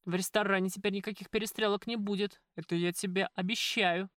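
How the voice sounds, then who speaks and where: A woman voicing a crude, pushy male restaurant boss in an audiobook, gruff and wheedling by turns. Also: medium pitch, steady tone, quick pace, no room sound, clean studio sound, close to an everyday voice. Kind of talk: audiobook character voice.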